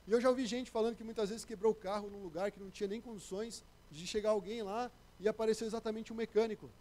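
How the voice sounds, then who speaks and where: A man's voice: high voice, steady tone, fast talker, a little mellow. A young man preaching a casual, conversational sermon into a microphone, slangy and acting out the voices he quotes.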